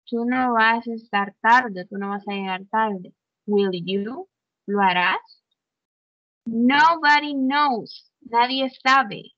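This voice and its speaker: A woman's voice: a little high, slow, dry recording. A woman teaching an English grammar class online, explaining in Spanish with English examples and checking in often. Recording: dull, muffled online audio.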